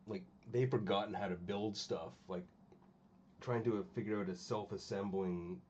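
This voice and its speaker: A man's voice: fairly low pitch, steady tone, moderate pace, a little mellow, highs cut off, slight background noise. A man with the hiccups, rambling casually to his chat while painting miniatures. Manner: rambling, distracted, talking to stream chat. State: has the hiccups. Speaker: channel host.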